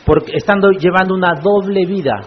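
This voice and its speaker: A man's voice: sits high, a little fast, slight background noise. A male pastor preaching a sermon in church, often putting rhetorical questions to the congregation. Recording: echoey church hall, muffled lo-fi sound.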